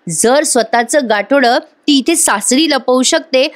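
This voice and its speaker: A woman voicing a brisk young husband who hurries his words and mutters his plans to himself. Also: sits high. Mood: thinking.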